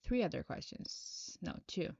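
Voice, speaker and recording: With a Brazilian Portuguese accent, a Brazilian woman reads tarot on a live stream in English, which is her second language. She reads viewers' questions out loud and answers at an unhurried, halting pace. Her tone is darkish, and the recording is muffled with no echo.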